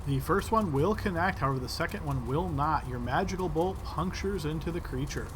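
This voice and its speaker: A man's voice: on the high side, brisk, slight background noise. A man acting as game master, narrating and refereeing a tabletop role-playing game.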